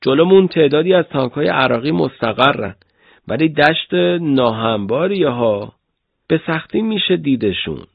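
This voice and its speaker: A man voicing an earnest, blunt soldier comrade in a husky voice for an audiobook. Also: on the high side, expressive, no echo, muffled recording, voice pushed up, full character voice. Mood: matter-of-fact.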